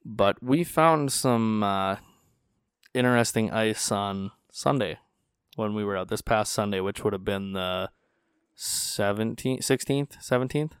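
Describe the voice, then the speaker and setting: With a clear, resonant tone, fairly low pitch and measured pace, a North Dakota man hosts a podcast, sharing stories casually and acting out quoted voices with lively animation. He's in a small studio on a studio podcast mic, and the sound is clean with no echo.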